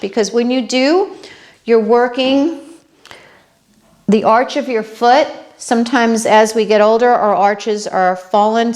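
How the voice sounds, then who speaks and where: A woman with a New York accent demonstrating balance exercises, chatty and unhurried, checking in with viewers as she goes. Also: fairly high pitch. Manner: unhurried, talks while demonstrating moves. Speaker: fitness instructor.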